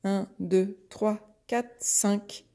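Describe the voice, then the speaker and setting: A woman's voice: medium pitch, steady tone, extremely slow, warm tone. A woman voicing a clever, cheeky little female goat who counts in a sing-song way. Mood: playful. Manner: chanted counting.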